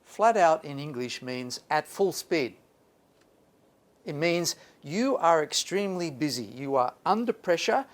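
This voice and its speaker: A man presents a language lesson in a slightly high voice. His pitch moves widely and with drama. He drives points home in short, emphatic phrases, often repeated, like a theatrical teacher. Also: animated, unhurried. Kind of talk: animated lecture presentation.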